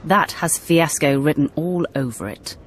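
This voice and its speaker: A man's voice: on the high side, animated, unhurried, a little hiss or hum. A man voicing a cold male Sith warrior who speaks tersely and with command.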